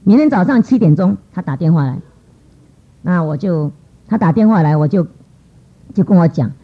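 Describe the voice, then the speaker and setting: A middle-aged woman telling a lively church testimony, acting out what people said in changing voices. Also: moderate pace, slightly rough. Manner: lively, acts out quoted voices with pitch jumps. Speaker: church speaker giving testimony. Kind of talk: storytelling testimony talk. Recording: dull lo-fi recording.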